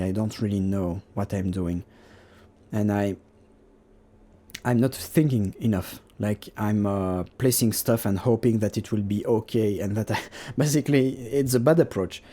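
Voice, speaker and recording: Mellow-voiced man, halting self-deprecating chat. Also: on the low side. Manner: halting, many fillers and restarts; self-deprecating, laughs at himself. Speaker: digital artist. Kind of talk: casual voice-over about his painting process.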